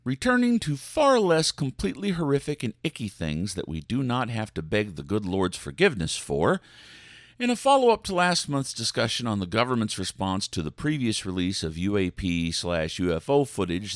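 A man's voice: fairly low pitch, sing-song, normal speed, no echo, studio quality. A man hosting a podcast, reading news articles aloud and commenting on them in a theatrical, sarcastic, mock-outraged way. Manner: theatrical, dramatic delivery. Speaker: podcast host.

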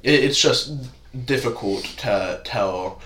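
A teenage man chats as a guest on a podcast, rambling along with plenty of "uh" and "like" fillers. His voice sits at an ordinary pitch. It rings in a roomy, echoey space with a faint hiss underneath. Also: slow pace, fairly bright tone. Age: teens. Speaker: podcast guest, spoken word poet. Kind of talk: casual interview chat. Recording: echoey room with faint noise.

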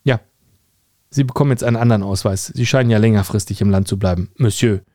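A man voicing a flustered female Belgian clerk who breaks into shrill, gasping outbursts. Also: fast, warm tone, dry recording, clean studio sound, lightly acted. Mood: stiff.

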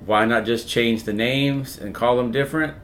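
A man's voice: medium pitch, fairly even intonation, moderate pace, fairly bright tone, a little hiss or hum. A man co-hosting a casual podcast, retelling a movie plot in a loose, profane way. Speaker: podcast co-host.

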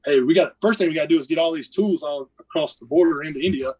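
A man's voice: a little high, fast, a little mellow, breathy edge, poor audio. A man with an Appalachian accent, a podcast guest telling casual stories about a mission trip in a rambling, self-correcting way. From United States. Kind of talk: casual storytelling.

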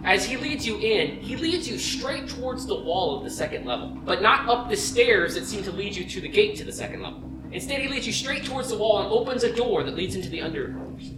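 A man's voice: sits high, big pitch swings, fairly quick. Roomy-sounding male game master narrating. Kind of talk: improvised tabletop game narration. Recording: roomy, distant mic under loud music.

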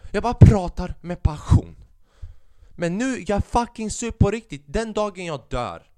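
A man's voice: fairly high pitch, no echo, clean studio sound. A young man hosting a podcast alone, talking animatedly, swearing often and dropping English phrases. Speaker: podcast host. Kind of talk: casual solo podcast monologue.

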